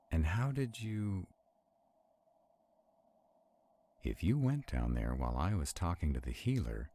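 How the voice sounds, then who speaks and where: In a supernatural audio roleplay, a man acts as an arrogant male vampire with an extremely low, husky, mellow voice, taking his time over every phrase. He comes across as haughty and commanding, protective yet skeptical, and alarmed. The heavily acted audio drama has no room sound.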